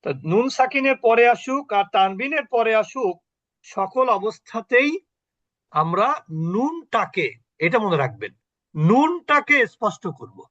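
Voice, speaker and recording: A man teaching Quran recitation rules in an online class, explaining patiently, quizzing his students and chanting example words slowly. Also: extremely high pitch, very animated, fairly bright tone, highs cut off. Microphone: video call.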